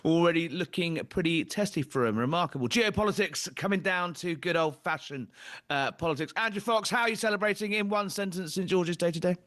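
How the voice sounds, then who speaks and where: A man's voice: sits high, fairly quick, fairly bright tone. A man hosting a political talk show from Washington, firing off indignant rhetorical questions. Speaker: host. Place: studio in Washington DC.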